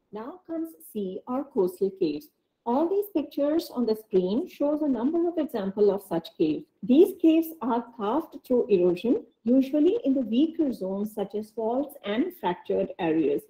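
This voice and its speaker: Woman, indian english accent, online slide lecture, very bright clear voice, fairly high, computer mic on a video call. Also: low-quality recording. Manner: measured, with occasional fillers and restarts.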